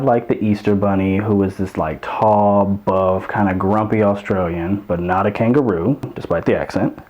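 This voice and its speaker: Mellow lo-fi male host, playful. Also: on the low side. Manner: playful, chatty, swears casually. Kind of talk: casual movie commentary.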